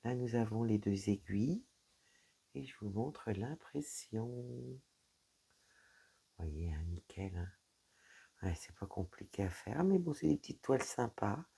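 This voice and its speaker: A very deep, warm, husky female voice, creaky and a little slow, with lively intonation and long pauses. The crafting vlogger chats casually through an unboxing, handling items as she talks to viewers and leaning on fillers like "voilà" and "donc".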